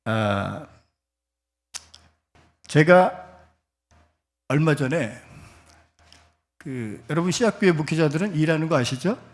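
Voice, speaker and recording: A middle-aged man preaching a Sunday church sermon, his voice sitting a touch higher than most men's. He moves between reading scripture aloud with the congregation and chatting with them, asking questions and waiting for answers. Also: animated, slow pace, pauses often. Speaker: pastor. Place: church service.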